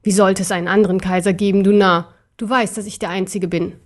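A woman voicing a cruel ancient male emperor in a young man's body, talking slowly and with menace. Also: mid-range voice, steady tone, close to an everyday voice. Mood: scornful. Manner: slow, menacing, sneering.

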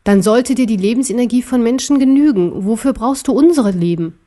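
A woman's voice: brisk, dark tone, lightly acted. Woman voicing an angry little teddy bear. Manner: high, urgent and indignant. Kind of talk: audiobook character voice.

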